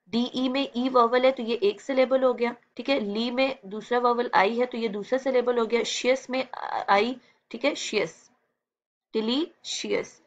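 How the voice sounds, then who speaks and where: A woman's voice: on the high side, muffled recording. A woman teacher with a Pakistani Urdu accent explaining an English textbook exercise, patiently checking in and sounding words out syllable by syllable. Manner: patient, explains slowly with many "theek hai" checks.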